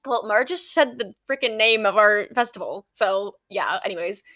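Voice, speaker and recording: A young woman co-hosting a casual podcast chat, giggly and animated, quick to correct her friend. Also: mid-range voice. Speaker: podcast co-host.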